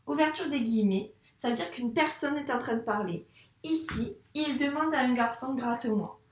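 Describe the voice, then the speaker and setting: A woman teacher leads a reading lesson for young children. She is patient and encouraging and says each word slowly and carefully, with a slightly high voice. The recording carries a roomy echo. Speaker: first-grade teacher.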